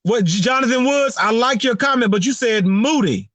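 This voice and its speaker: Joking high-voiced male host. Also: normal speed, no echo. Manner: lively, joking banter. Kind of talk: casual livestream talk.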